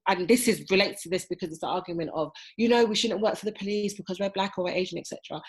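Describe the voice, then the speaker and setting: A woman appearing as a podcast guest, speaking earnestly and weighing her views out loud. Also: medium pitch. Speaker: podcast guest, diversity specialist. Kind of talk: conversational podcast interview.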